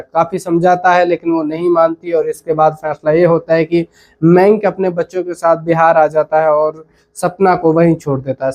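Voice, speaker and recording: High-voiced man rambling through a story. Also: darkish tone. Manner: rambling, filler-heavy retelling. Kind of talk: casual spoken storytelling.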